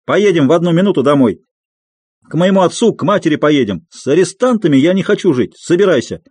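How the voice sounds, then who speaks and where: A man reading an audiobook and voicing a furious young peasant woman who shouts and scolds. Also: mid-range voice, sing-song, fast, dry recording. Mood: raging.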